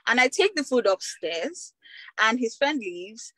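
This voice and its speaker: A woman's voice: on the high side, big pitch swings, unhurried, fairly bright tone, dry recording, low-quality recording. A Nigerian woman recounting a painful personal story as an interview guest, speaking emotionally and often ending with "you get".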